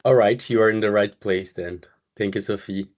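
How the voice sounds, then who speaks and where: A man from Brazil, a community manager, hosting an online webinar in a relaxed, conversational way over a video call. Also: lowish voice. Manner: relaxed, conversational, pauses often with "uh" and "um". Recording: slightly muffled video call audio.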